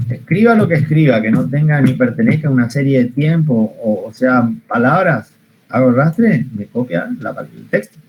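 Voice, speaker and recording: A man's voice: mid-range voice, darkish tone, slight background noise, low-quality recording. A man teaching an online spreadsheet class, patient, repeating each step and asking the class questions. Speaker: computer science teacher.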